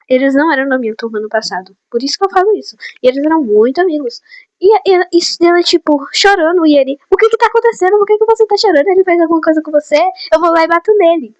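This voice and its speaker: Teen girl, high voice, gossipy storytime, dry close sound. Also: dry recording. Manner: chatty, gossipy, animated. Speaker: vlogger. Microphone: phone or headset mic.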